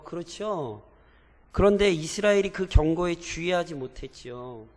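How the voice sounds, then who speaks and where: A high-voiced pastor with a lively, rising and falling pitch. He preaches earnestly, often turning to the congregation with questions. His voice carries a long reverb from the church hall. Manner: earnest, questions the listeners and stresses key words. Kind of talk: sermon. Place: church sanctuary.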